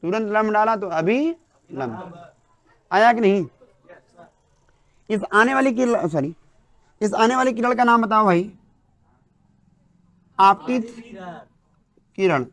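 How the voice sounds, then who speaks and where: High-voiced Hindi teacher quizzing a class. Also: male voice, lively intonation, a bit bright. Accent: Hindi-speaking north Indian. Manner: slow dictation, quizzing students with repeated questions. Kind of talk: classroom lecture with dictation.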